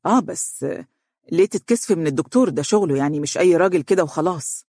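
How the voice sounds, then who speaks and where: A reader doing a gentle Egyptian doctor. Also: mid-range voice, lively intonation, dry recording, clean studio sound, lightly acted. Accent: Egyptian Arabic. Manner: soft, reassuring, measured. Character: young male doctor, calm and gentle.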